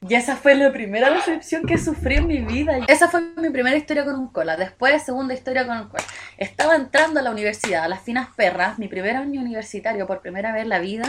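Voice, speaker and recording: A young Chilean woman telling crude, animated stories in a casual chat, acting out quotes in slang. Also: fairly high pitch, fast talker, slight background noise. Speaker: podcast co-host.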